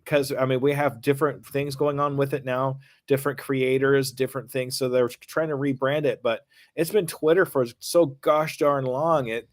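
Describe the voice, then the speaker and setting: A man chatting as a guest on a podcast in a friendly, easygoing way. His voice is mid-pitched and ordinary. It is recorded close and dry. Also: little pitch movement, normal speed, no room sound. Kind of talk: casual podcast interview.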